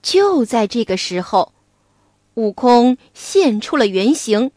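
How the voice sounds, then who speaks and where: A woman telling a children's story in a slow, expressive, animated way, recorded on a close mic. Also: a little high, dry recording.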